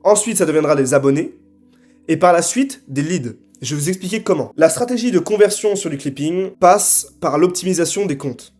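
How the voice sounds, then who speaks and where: A young man giving a scripted sales pitch to camera, assertive and punchy, often tagging his sentences with quick check-ins. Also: animated, a little mellow, soft background music. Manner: assertive, punchy, frequent tag questions. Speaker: marketing consultant.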